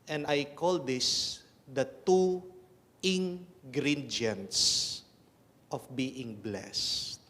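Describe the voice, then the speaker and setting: A Filipino-accented man, a priest, speaking at Mass in a measured, deliberate way with cathedral echo. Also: medium pitch, lively intonation, a bit bright. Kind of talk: liturgical reading and homily. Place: large reverberant church.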